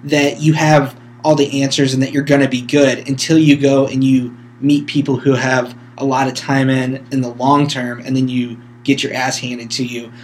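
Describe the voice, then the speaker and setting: A man's voice: medium pitch, flat delivery, moderate pace, few pauses, a little hiss or hum. Joking casual man on a podcast.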